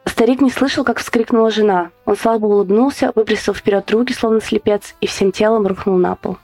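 Measured female narrator for a spooky tale, soft music underneath. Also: medium pitch. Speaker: podcast host. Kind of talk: scripted horror story narration.

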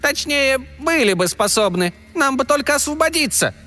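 A man voicing a tiny, quick-tempered male fairy in a piercing falsetto, boastful and irritable. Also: lively intonation, pushed and bright, faint music behind, exaggerated voice. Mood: indignant. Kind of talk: audiobook character voice.

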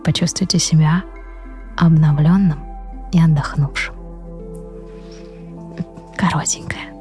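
Low-voiced woman slowly counting breaths. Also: fairly even intonation, dark tone. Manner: slow breath counting, guiding relaxation. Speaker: yoga teacher and guest. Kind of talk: guided breathing meditation. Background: music.

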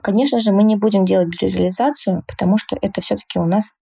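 Gravelly, mellow-voiced woman cosmetologist. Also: mid-range voice. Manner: measured, explanatory, with occasional hesitations. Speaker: cosmetologist-dermatologist. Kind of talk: expert interview answers.

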